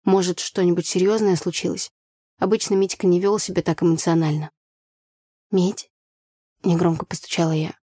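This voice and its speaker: A woman narrating a first-person story aloud, reading lively dialogue between the lines. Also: fairly low pitch, brisk, no room sound, clean studio sound.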